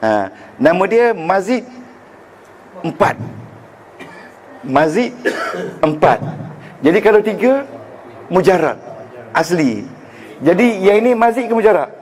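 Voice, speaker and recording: A man's voice: sits high, very animated, takes it slowly, long pauses, a little mellow. A man with a Malaysian Malay accent teaching Arabic grammar to a class, joking and quizzing the students as he goes. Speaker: religious teacher. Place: lecture room with students.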